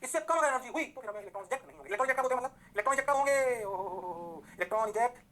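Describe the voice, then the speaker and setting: A male physics teacher talks at a brisk clip in a bright, forceful voice. He keeps asking whether the class understands, then slows right down to dictate definitions in English. Now and then he fires off strings of rhyming praise words. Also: extremely high pitch, animated. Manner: keeps checking if students follow, dictates definitions slowly in English. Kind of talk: classroom lecture.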